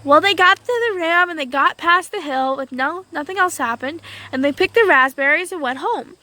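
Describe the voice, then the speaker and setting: High bright-voiced woman telling a story. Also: normal speed, rough recording. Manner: lively, unscripted, repeating phrases with small slips. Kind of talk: casual storytelling.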